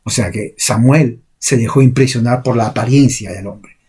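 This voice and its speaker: Husky-voiced male preacher. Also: medium pitch, normal speed, a little mellow. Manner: emphatic, rising for stress. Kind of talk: sermon.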